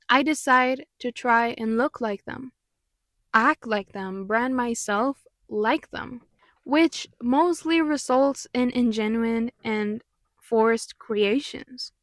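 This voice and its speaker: A young Mexican woman whose first language is Spanish speaks with a Mexican accent and a fairly high-pitched voice, captured at studio quality with no echo. As a vlogger and pop artist, she offers candid, reflective commentary that is earnest and sometimes exasperated.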